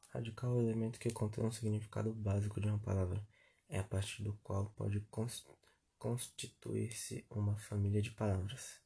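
A man's voice: fairly low pitch, gravelly, dark tone, breathy edge. A man reviewing a grammar lesson, methodically reading definitions and word lists aloud. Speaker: teacher.

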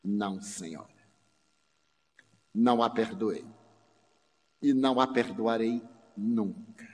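A man voicing a blind woman singer who cannot forgive, speaking low and hushed. Long hall reverb. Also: big pitch swings, slow pace, heavily acted. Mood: bitter.

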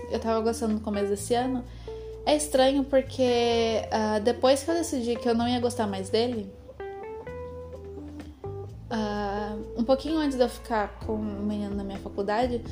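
Girl in her 20s rambling in a vlog, kinda high voice, lots of ums, music playing under her. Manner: rambling, hesitant, confessional, many fillers. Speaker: vlogger. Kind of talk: casual personal vlog. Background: background music.

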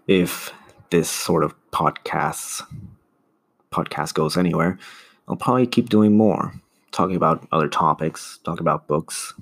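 Man, solo podcast host, very low gravelly voice, earnest and halting. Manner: earnest, searching for words with restarts. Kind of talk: casual opinion monologue.

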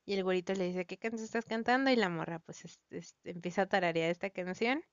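Smooth-voiced Mexican woman retelling a story. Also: fairly low pitch, fast talker, no echo, muffled recording. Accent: Mexican Spanish. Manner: slangy, rambling, many fillers and restarts. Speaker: vlogger recounting a story. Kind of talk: casual plot retelling to viewers.

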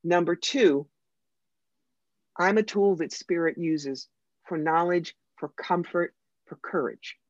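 An American psychic medium, interviewed as a guest, tells stories in an animated, emphatic and wry way. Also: medium pitch, slow, pauses often, no echo. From United States. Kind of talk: conversational interview storytelling. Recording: dry, slightly dull lo-fi sound.

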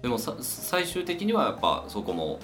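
A man's voice: medium pitch, wildly swooping pitch, moderate pace. A man with a Kansai Japanese accent chatting casually and thoughtfully as a co-host. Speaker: podcast co-host. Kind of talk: casual reflective chat. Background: background music.

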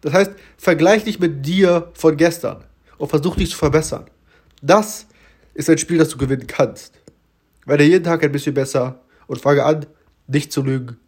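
A man hosts a motivational podcast alone while clearly congested and tired. His voice sits a little high and sounds nasal and stuffed up. He talks informally and earnestly, addressing the listener directly. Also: moderate pace, a little mellow. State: badly congested, blocked swollen nose; very tired, unwell. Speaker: podcast host.

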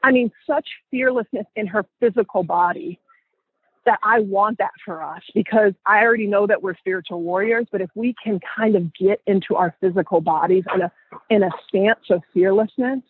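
A woman co-hosting a group call, telling stories in an animated way with laughter. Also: medium pitch, normal speed, slightly rough, dry recording. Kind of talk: casual inspirational talk. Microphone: phone. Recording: phone line audio.

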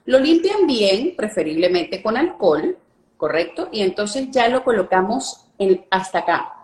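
A woman's voice: medium pitch, sing-song, measured pace, darkish tone, roomy sound, slight background noise. A woman explaining speaking techniques as a guest coach, checking in with listeners often. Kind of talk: instructional live-stream talk.

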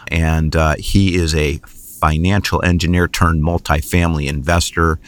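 Male interview host, very deep voice, folksy and rambling. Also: level tone, moderate pace, clean tone. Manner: rambling, folksy, many fillers. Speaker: podcast host. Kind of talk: interview podcast.

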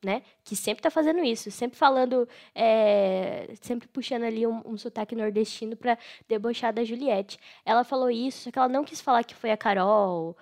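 A woman's voice: a little high, normal speed, few pauses, a little mellow. Gossipy, sarcastic young woman chatting. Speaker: podcast host. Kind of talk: casual chat commenting on a reality show.

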